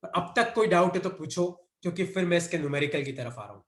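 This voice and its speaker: A man's voice: high voice, expressive, fast, a bit bright, roomy sound. Indian man dictating a physics lesson. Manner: repeats dictation cues, mixes Hindi and English. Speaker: physics teacher. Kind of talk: online class lecture.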